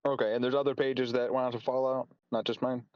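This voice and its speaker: A man chatting casually as a player in a tabletop role-playing game, haltingly talking through his plans. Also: medium pitch, flat delivery, dry recording, muffled recording. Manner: halting, repeats and reformulates as he plans.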